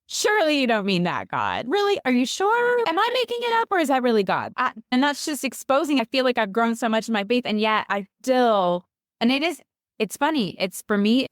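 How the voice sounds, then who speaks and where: A woman hosting a casual faith podcast, enthusiastic and chatty and quick to laugh. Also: on the high side, dry recording, studio quality. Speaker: podcast host.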